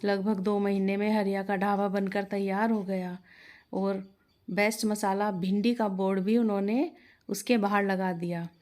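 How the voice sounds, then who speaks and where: A woman's voice: mid-range voice, level tone, measured pace, a little mellow. A woman reading a moral storybook tale aloud as narrator, voicing each character in the dialogue herself.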